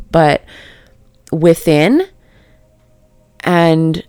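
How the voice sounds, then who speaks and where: A woman giving a reflective spiritual talk in a calm, near monotone voice, halting and searching for words with many fillers. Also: sits low, smooth, dry recording. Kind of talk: reflective spoken meditation talk.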